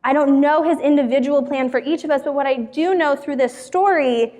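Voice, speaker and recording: A woman's voice: high-pitched, fairly quick, a little mellow. A young woman pastor telling a funny personal story in a casual sermon to a church group. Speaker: youth pastor. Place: church hall. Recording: hall reverb.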